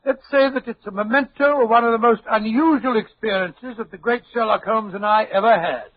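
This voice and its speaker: A man's voice: sits high, a little fast. An actor playing a genial older English doctor, chuckling and slightly blustering as he recounts adventures in 1940s radio style. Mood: genial storytelling. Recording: muffled old 1940s radio recording.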